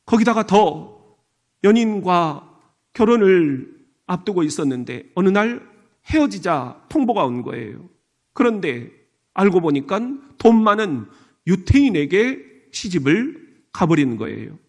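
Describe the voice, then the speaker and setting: A man's voice: high-pitched, big pitch swings, unhurried. A middle-aged man with a Chungcheong Korean accent, preaching a sermon as a pastor and playfully mimicking regional dialects.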